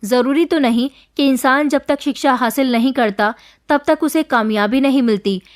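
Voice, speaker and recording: Woman narrating a story, steady even reading, voice a bit on the high side. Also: normal speed. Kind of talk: scripted first-person story narration.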